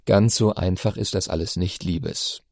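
A weary, patient middle-aged father from an audiobook, as the reader puts him on, with calm, soothing replies in a dark, mellow tone. The sound is dry and close to the mic. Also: medium pitch, a little fast, no echo, lightly acted. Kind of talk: audiobook character voice.

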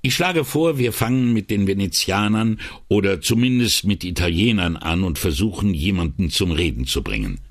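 A man voicing a thoughtful senior police commissioner with a measured, authoritative way of talking. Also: deep voice, animated, no echo, studio quality, voice pushed up.

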